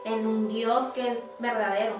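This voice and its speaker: A woman's voice: fairly high pitch, flat delivery, normal speed. Woman chiming in, echoey and distant. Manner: agreeing, conversational, chiming in. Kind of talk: faith conversation. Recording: echoey room, distant mic, music.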